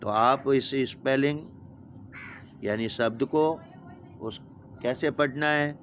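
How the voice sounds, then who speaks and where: A man's voice: mid-range voice, slow pace, fairly bright tone, a little hiss or hum. A man teaching a vocabulary lesson to young pupils, patiently spelling each word letter by letter and giving its meaning. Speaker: school teacher.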